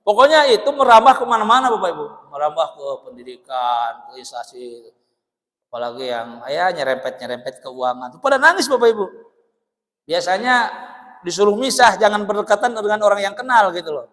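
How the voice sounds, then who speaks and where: A male preacher giving a dawn sermon in a mosque, telling stories in a lively way, acting out dialogue and often laughing. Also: high voice, fairly quick. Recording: echoey hall reverb.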